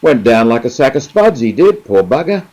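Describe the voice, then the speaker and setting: A man voicing an excited male bystander in a read-aloud story, colloquial and emphatic. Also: medium pitch, moderate pace, pitched above the performer's own voice. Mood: amazed.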